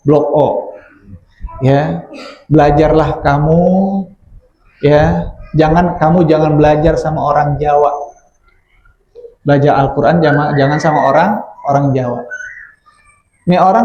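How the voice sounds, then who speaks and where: Lively high-voiced preacher. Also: male voice. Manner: lively, joking, repeats and restarts words, pitch jumps when quoting. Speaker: preacher teaching a hadith book. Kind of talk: sermon. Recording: roomy, slightly muffled.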